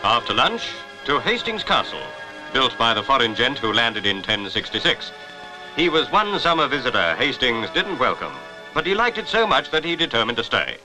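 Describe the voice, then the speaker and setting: Reading from a 1950s newsreel script, this RP-accented man keeps a medium pitch and normal speed, sounding very animated, clipped, formal and jaunty. It's a low-fidelity old newsreel track backed by music.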